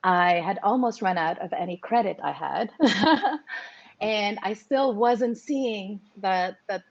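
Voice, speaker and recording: A woman's voice: medium pitch, slow pace, gravelly, highs cut off. A woman singer-songwriter from Morocco, raised in Canada, talking candidly as a guest on a casual show. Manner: candid, reflective, with small laughs and fillers. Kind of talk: casual interview chat.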